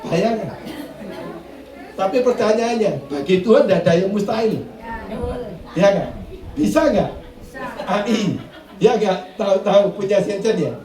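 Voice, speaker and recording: Male preacher, playful call-and-response style; heard from a distance in an echoey hall. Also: high voice. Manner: lively, jokey, asks the congregation questions, mixes in Javanese. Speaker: pastor. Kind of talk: sermon. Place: church.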